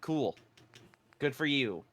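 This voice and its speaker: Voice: medium pitch, big pitch swings, slow, fairly bright tone. A friend on a game stream giving advice and cracking jokes in casual chat. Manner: joking, gives game advice.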